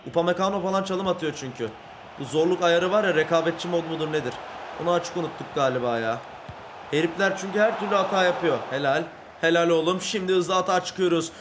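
Excitable high-voiced man commentating his game. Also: fast talker, background noise. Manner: shouts and scolds players, swings between yelling and muttering. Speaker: gaming YouTuber. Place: a room at home, recording at night.

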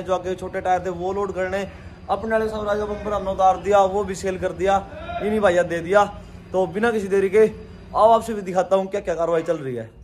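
Young male vlogger, lively selfie-style chat outdoors, a touch high-voiced, faint background noise. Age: young adult. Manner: energetic, chatty, talking to viewers. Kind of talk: casual vlog narration. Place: outdoors at a farmyard and street. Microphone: phone held at arm's length.

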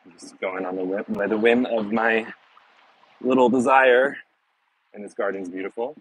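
A man with a lowish, steady, somewhat bright yet husky voice leads a casual outdoor walking tour through city streets and a garden at normal speed. He chats loosely with many fillers and restarts, recorded off screen on a handheld phone camera in low quality.

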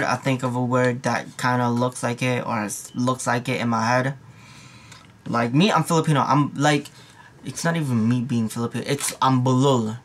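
A man's voice: medium pitch, fairly bright tone. Rambling, slangy young man. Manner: rambling, slangy, repeats "keep it moving". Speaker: nursing student. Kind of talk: casual study review vlog.

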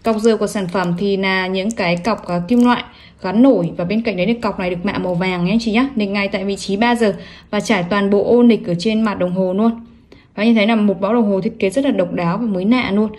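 A woman's voice: medium pitch, fairly even intonation, fast, a little mellow. A woman selling products online in a salesy, emphatic showcase, running through specs and prices. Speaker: online watch seller presenting products.

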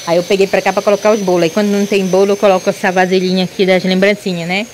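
A woman from Belém with a Paraense accent, chatting casually to her viewers in a home vlog, lively and quick to exclaim, filmed on a handheld phone around her yard and rooftop. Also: medium pitch, slight background noise. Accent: Paraense Brazilian Portuguese. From Belém, Pará, Brazil. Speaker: vlogger.

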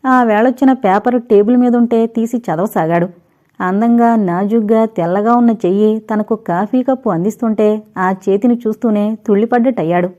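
A woman narrating a novel in a steady, even storytelling manner. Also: medium pitch, normal speed. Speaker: audiobook narrator. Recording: dull lo-fi recording.

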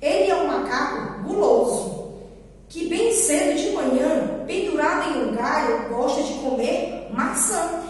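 A woman's voice: high voice, animated, a little slow, far from the mic. A Brazilian woman teaching preschoolers in a coaxing, sing-song manner, asking questions and answering them herself. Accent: Brazilian Portuguese. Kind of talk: recorded remote lesson for young children. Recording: echoey room, voice from off-mic.

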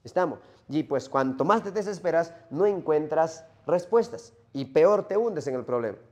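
A man's voice: a little high, animated, normal speed, darkish tone. A man teaching a literature class, asking his students questions as he lectures. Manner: asks students questions, calls them "hija".

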